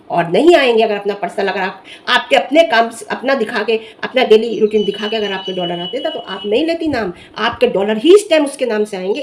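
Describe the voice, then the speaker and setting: Animated scolding woman vlogger. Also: a little high. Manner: scolding, emphatic, animated rant. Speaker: vlogger reviewing social media drama. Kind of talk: direct-to-camera commentary.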